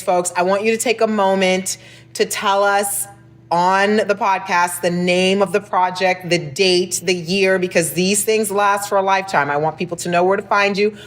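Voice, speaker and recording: A woman hosting a podcast interview, effusive and calling her listeners "folks". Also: medium pitch. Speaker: podcast host.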